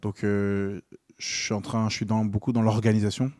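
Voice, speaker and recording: A man's voice: fairly low pitch, little pitch movement, moderate pace, dark tone, no room sound, clean studio sound. A young man from Normandy chatting casually as a podcast guest, enthusiastic and full of fillers and restarts. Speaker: guest comedian and comedy club organiser.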